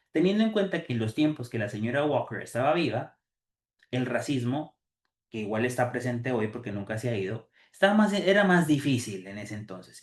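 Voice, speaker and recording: Emphatic preachy man in echoey room. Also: medium pitch. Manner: emphatic, preachy, with frequent fillers and restarts. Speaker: host. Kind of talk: motivational talk to viewers.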